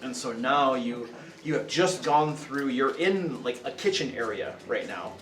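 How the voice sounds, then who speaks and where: A man's voice: mid-range voice, measured pace, a bit bright. A man runs a tabletop game, laying out the scene in an explanatory way. His mid-range voice is picked up from a distance in a roomy space with faint noise behind. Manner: explanatory, often checking with listeners. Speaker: game master. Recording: echoey room, distant mic, faint noise.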